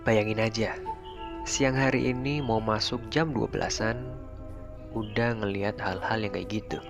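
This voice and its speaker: A man narrating a first-person horror story in a relaxed, conversational way. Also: fairly low pitch, measured pace, creaky. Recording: faint music underneath. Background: faint background music.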